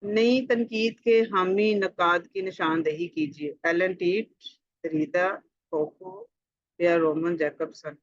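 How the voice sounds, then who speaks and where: A tutor with a Pakistani Urdu accent reads out multiple-choice exam questions and gives the answers, talking deliberately, repeating questions and adding conversational fillers. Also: medium pitch, no echo. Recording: dull lo-fi dry recording.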